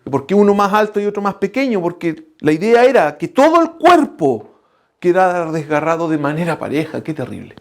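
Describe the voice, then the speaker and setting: A male preacher, delivering an impassioned sermon that swings from loud cries to hushed lines and calls the listeners brothers. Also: big pitch swings, brisk. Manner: impassioned, shifting between loud outbursts and low hushed lines; addresses the congregation as brothers.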